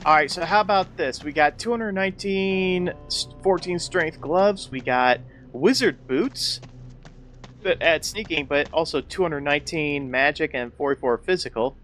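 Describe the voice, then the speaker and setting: A man's voice: on the high side, moderate pace, a bit bright, faint music behind. A man in casual conversation while playing a video game with others. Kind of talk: casual gameplay chat.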